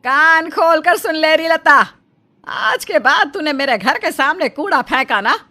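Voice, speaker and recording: Woman doing a loud scolding mother-in-law. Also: high-pitched, very animated, moderate pace, voice pushed up, full character voice. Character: bossy quarrelsome middle-aged mother-in-law.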